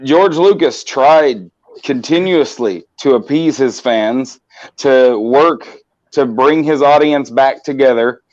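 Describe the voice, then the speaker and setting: A man hosting a relaxed morning live stream speaks slowly in a mid-range, darkish voice. Passionate and rambling, he talks in long runs and keeps restarting, and the sound is somewhat muffled.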